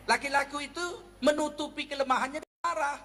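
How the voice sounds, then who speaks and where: A man from North Sumatra giving a humorous Islamic lecture, animated and acting out everyday quarrels. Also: very high voice, quick pace, in a large hall. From North Sumatra, Indonesia. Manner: animated, acts out quarrels in a raised voice. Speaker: Islamic preacher.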